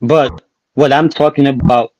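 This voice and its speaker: A man's voice: medium pitch, fairly even intonation, a little slow, a crowd in the background. Casual male caller on a crackly bluetooth headset, muffled audio, keeps tagging "right?". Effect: bluetooth headset mic with crackling sounds. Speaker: participant in an online discussion call. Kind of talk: casual group discussion. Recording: muffled bluetooth mic with faint clicks.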